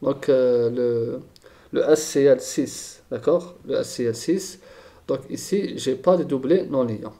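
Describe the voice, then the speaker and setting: Man with a dark voice, teaching chemistry. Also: mid-range voice, slow pace. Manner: thinks aloud, repeats terms, frequent "d'accord?". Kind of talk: recorded chemistry lesson.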